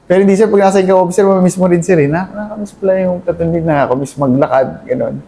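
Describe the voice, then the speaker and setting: Earnest, deferential man with a dark voice. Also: high voice, rapid-fire, creaky. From Philippines, Cavite. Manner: deferential, adds "sir" to nearly every phrase; earnest, mixes English into his talk. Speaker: army officer guest. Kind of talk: candid interview talk.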